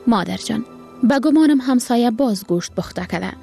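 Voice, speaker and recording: Brief: woman as an innocent questioning boy in a storybook, raised pitch, soft music behind. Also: lively intonation, vocal fry. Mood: curious. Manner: wondering questions. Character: young boy, curious and innocent.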